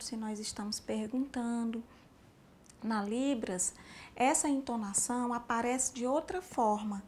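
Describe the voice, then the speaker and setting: Slow, explanatory woman teaching signs. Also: on the high side, a little hiss or hum. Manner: slow, explanatory, addressing the learner directly. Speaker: sign language teacher. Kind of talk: spoken instruction for a sign language lesson.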